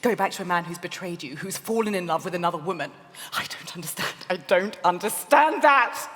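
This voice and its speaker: A woman voicing a proud, wounded young woman in a live dramatic reading, speaking fast and agitated. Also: on the low side, lively intonation, a bit bright. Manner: agitated, quick and emotional. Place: large event hall on stage. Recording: hall reverb.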